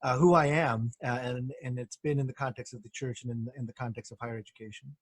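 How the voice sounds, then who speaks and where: Casting note: middle-aged man, husky tone, dry close sound, thoughtful guest with soft fillers. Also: mid-range voice, fairly even intonation, no echo. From born in Korea, grew up in the United States. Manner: measured, reflective, many soft fillers. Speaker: guest, professor and former pastor. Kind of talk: thoughtful interview answers.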